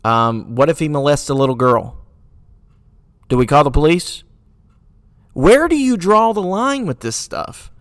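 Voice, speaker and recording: A man's voice: on the high side, expressive, measured pace, long pauses, no echo. Earnest man hosting a solo podcast. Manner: earnest, rhetorical questions, frequent fillers and restarts; sarcastic at times. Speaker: podcast host.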